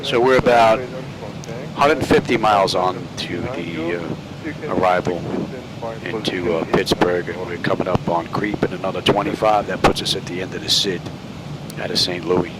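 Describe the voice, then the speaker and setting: A man's voice: low-pitched, moderate pace. A man giving casual, matter-of-fact pilot commentary on the progress of a flight. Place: small cockpit trainer. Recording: steady loud cockpit hum. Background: air conditioning-like engine hum.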